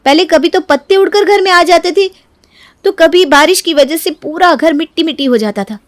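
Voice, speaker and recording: A woman voicing a sharp-tongued young daughter-in-law who argues defiantly in a family storybook quarrel. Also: very high-pitched, moderate pace, voice pushed up. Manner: defiant, argumentative. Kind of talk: storybook character acting.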